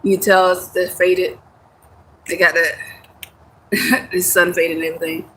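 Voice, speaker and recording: A young American woman hosts a livestream, casually chatting with viewers as she reads and answers their comments, laughing easily and swearing now and then. Her voice sits on the low side, with a flat, sharp tone and a slightly slow pace. There's slight background noise.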